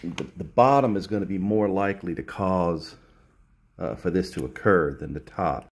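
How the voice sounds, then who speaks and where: A blunt repair technician lectures through a hands-on demonstration in his cluttered workshop, hammering points home by repeating them. He talks at a moderate pace in a low voice, recorded on a handheld phone camera near the work.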